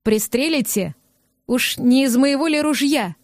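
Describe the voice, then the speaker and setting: A woman's voice: high-pitched, lively intonation, unhurried, no echo, studio quality. A woman reading the part of a rude, irritable young man who snaps and sneers in an audiobook. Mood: gruff. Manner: curt, snapping, scornful.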